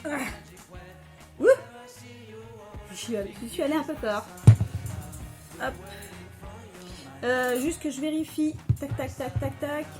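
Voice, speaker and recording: Woman, beauty vlogger, slightly high voice, rambling and casual, lots of fillers, soft music under it. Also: slow pace, pauses often. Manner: chatty, many fillers and restarts. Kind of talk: casual product review vlog.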